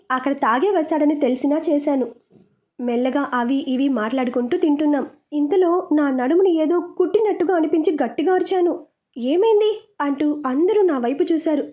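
A woman narrates a romantic story in the first person, lively and expressive. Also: high-pitched.

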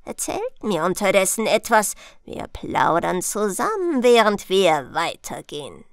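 A woman voicing Death, a bored and menacing male skeleton, with a slow, low, yawning drawl in a storybook reading. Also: sing-song, creaky, no room sound, studio quality.

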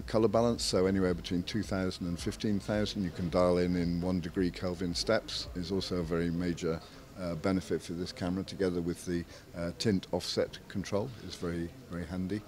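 A man with a very low voice walks through technical details at an unhurried pace. He talks in short phrases broken by frequent hesitant pauses. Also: little pitch movement. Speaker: camera maker's representative. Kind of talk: technical product interview.

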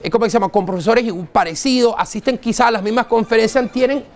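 A man's voice: extremely high pitch, fast. A man with a Venezuelan accent giving a live dental lecture, blunt and slangy, quizzing the audience. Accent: Venezuelan Spanish. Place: university lecture hall.

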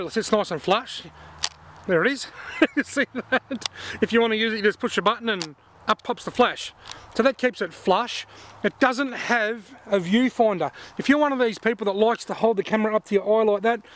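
A man's voice: high voice, moderate pace, fairly bright tone, a little hiss or hum. A man, chatting outdoors in bushland as he reviews a camera, explaining step by step into a camera-mounted mic. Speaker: fishing vlogger reviewing a camera. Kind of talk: casual product review to camera. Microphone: camera-mounted shotgun mic.

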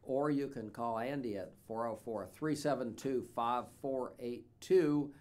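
An instrument dealer in his sixties, speaking in a mid-range voice with a drawl, gives a casual demo of a guitar for sale, rambling in a relaxed way with many "uh"s and restarts. He sits in a small, dim studio and is recorded on a stand mic.

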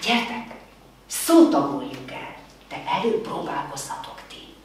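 A lower-voiced woman teacher who leads young children through a remote lesson, her pitch swinging up and down as she praises and encourages them. She sounds far from the mic in a very echoey room, with a faint noise underneath. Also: big pitch swings. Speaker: first-grade teacher.

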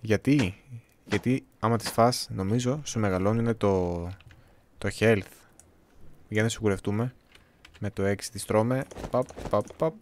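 A young man from Greece giving casual, chatty gameplay commentary, talking to viewers with a slightly hoarse voice. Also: fairly low pitch, pauses often, a little mellow, slight background noise. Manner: chatty, talks to viewers, jokey self-talk. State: voice a bit hoarse, clearing throat.

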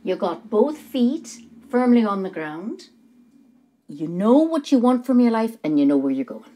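In a film, an older actress plays a gushing, theatrical palm reader, her voice sitting on the high side, sing-song and mellow. She sounds knowing and teasing, stretching her words out dramatically and calling people darling.

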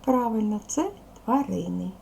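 Gravelly-voiced woman teaching children. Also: medium pitch, animated, a little slow, mellow, slight background noise. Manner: questioning, patient. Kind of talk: video lesson for children.

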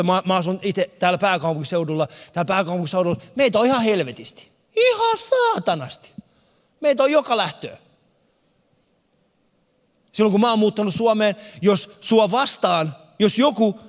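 Male stand-up comic, high voice, performs stories in character, empty concert hall with long echo. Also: animated. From abroad, moved to Finland in 1991. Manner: storytelling, acts out characters' lines. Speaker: stand-up comedian. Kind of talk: stand-up comedy. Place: large concert hall with no audience.

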